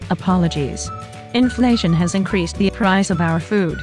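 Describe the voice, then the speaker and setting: A literal-minded robot barista, voiced by a woman, with a stiff, formal robot voice. Every word comes out flat and mechanical, and faint music plays underneath. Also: lowish voice, moderate pace. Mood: deadpan. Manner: flat, formal machine-like delivery. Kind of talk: comedy sketch.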